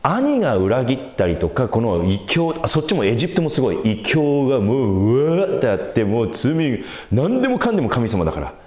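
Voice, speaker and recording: A man preaching a sermon as a pastor, in an animated, conversational way with big swings in pitch. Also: echoey room.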